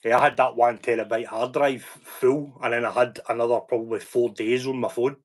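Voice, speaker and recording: A man's voice: medium pitch, fairly even intonation, fairly quick. A man with a Glaswegian Scottish accent chatting loosely on a live stream as the channel host, stop-start with repeated words. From Scotland. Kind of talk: casual live-stream chat.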